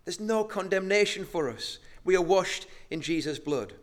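A man preaching a sermon, moving between hushed, slow emphasis and loud, rising exhortation. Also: high-pitched, lively intonation.

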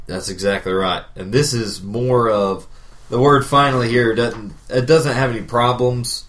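A man co-hosting a podcast, talking through a Bible passage in a relaxed, wry way with plenty of fillers. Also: mid-range voice, moderate pace. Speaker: podcast co-host. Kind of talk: casual Bible study chat.

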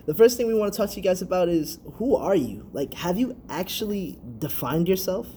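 A man's voice: sits high, animated, brisk, warm tone, slight background noise. A young man co-hosting a casual podcast, easygoing and reflective, laughing along. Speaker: podcast co-host.

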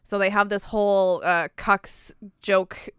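A young woman from Canada telling a story in casual chat, excited, swearing freely and laughing as she goes. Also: mid-range voice, takes it slowly, smooth, no echo, clean studio sound. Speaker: podcast co-host.

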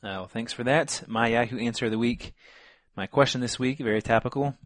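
A man co-hosting a sports podcast in casual chat, relaxed and full of fillers. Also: mid-range voice, brisk, dry recording, studio quality. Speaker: podcast co-host.

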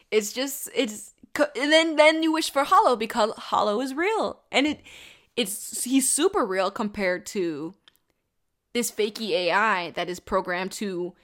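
A young woman casually reviewing a show in an animated, rambling way, swearing now and then and mocking characters in put-on voices. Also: mid-range voice.

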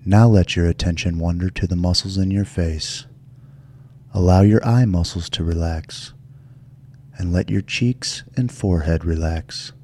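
A man hosting a guided relaxation meditation in a soft, soothing, gentle delivery. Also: low voice, measured pace, slight background noise. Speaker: show host.

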